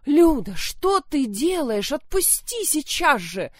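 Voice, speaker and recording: A woman's voice: fairly high pitch, expressive, a little slow, no room sound, clean studio sound, pitched above the performer's own voice. Woman doing a fussing, flustered old mother. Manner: fussy, flustered. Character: fussing anxious older mother, doting on one daughter.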